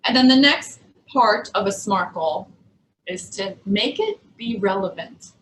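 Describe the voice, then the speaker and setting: A woman's voice: medium pitch, lively intonation, a little slow, a bit bright, a little hiss or hum. Woman, nutrition coach, casual cooking demo, chatty, laughs often, echoey room.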